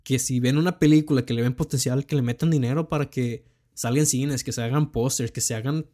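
A man's voice: medium pitch, steady tone, fairly quick, warm tone. A young man with a Mexican accent, chatting casually about films with plenty of slang and swearing. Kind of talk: casual film chat.

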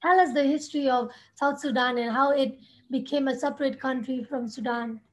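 A woman's voice: sits high, steady tone, fairly quick. A woman hosting a podcast interview, chatty and full of filler words. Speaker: podcast host. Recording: dull lo-fi audio.

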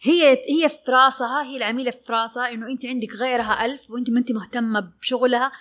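A woman, a fashion designer giving a lively interview and acting out her clients' words. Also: fairly high pitch, rapid-fire. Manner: animated, acts out clients' words. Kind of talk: casual interview talk.

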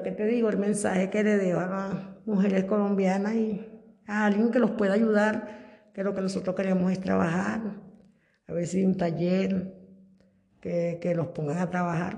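A woman in her fifties from Venezuela, giving an earnest, unhurried personal testimony as a migrant worker. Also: mid-range voice, steady tone, creaky, dark tone, big-room sound. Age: 50s.

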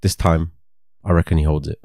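A man's voice: rumbling low, fairly quick, dry recording, clean studio sound. A young man, co-hosting a podcast, arguing his side and cursing now and then. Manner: lively, argumentative, curses. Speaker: podcast co-host. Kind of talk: casual chat.

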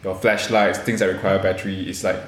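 The voice is a man's, fairly low, with a Singaporean accent and the particles and clipped grammar of Singlish. He talks casually as a young podcast co-host. The recording is noticeably roomy and echoey. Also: level tone, fairly quick, fairly bright tone.

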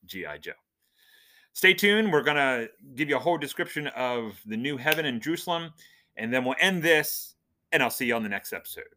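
A church minister who hosts a podcast, this adult husband and father sounds animated, fairly quick and forceful, with a bright, medium-pitched voice. He delivers a casual, funny monologue, joking as a self-described nerd.

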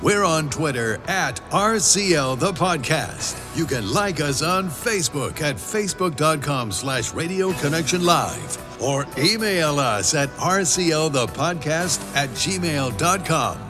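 A man announcing a show intro in a booming, showy, scripted radio style. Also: lively intonation, a little slow, hardly any pauses. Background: music bed.

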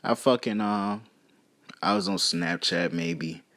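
A man with a deep voice hosts a casual solo podcast. He rambles at a slow pace, full of slang and swearing. The recording is dry, with little room sound. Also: fairly bright tone, no echo. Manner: foul-mouthed, slangy, rambling. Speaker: podcast host.

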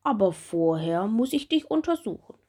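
A woman voicing a kind, calm old spider who is a doctor, in a storybook. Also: mid-range voice, normal speed, breathy edge. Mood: kindly.

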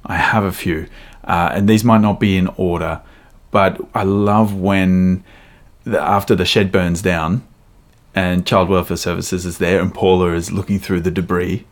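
A man co-hosting a podcast, chatting excitedly about favourite film moments and laughing often. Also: sits low, measured pace. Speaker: podcast co-host. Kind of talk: casual film review chat.

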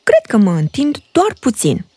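A woman voicing a curious, impatient little girl in a storybook reading, with high, eager exclamations. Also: huge pitch swings, warm tone, breathy edge, heavily acted.

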